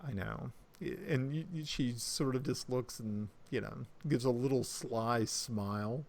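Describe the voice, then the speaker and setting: A man's voice: mid-range voice, a little slow, creaky. A man narrating a tabletop game as game master, in a loose, rambling manner. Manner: lively, loose with fillers.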